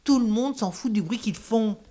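A woman's voice: fairly high pitch, normal speed, mellow, lightly acted. An actress playing an irritable, bored woman in a stage-play dialogue, speaking in clipped, insistent, repeated phrases. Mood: irritated, insistent. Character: restless, irritable, bored woman fed up with theatre and hospital visits.

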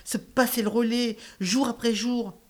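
A woman's voice: a little high, steady tone, a little slow, darkish tone. An actress playing an irritable, bored woman in a stage-play dialogue, speaking in clipped, insistent, repeated phrases. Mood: weary, resigned. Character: restless, irritable, bored woman fed up with theatre and hospital visits.

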